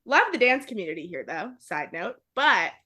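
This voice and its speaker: A woman's voice: fairly low pitch, sing-song, a little fast, bright, forceful tone. A young woman hosting a podcast, chatting casually with a friend, laughing often and saying "like" a lot. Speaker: podcast host. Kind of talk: casual chat.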